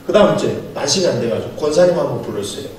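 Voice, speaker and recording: Rapid-fire and expressive, a slightly high, darkish male voice belongs to a middle-aged pastor preaching at a seminar. He tells stories, acts out what people said and chuckles often. The recording sounds far away in a very echoey hall with faint noise.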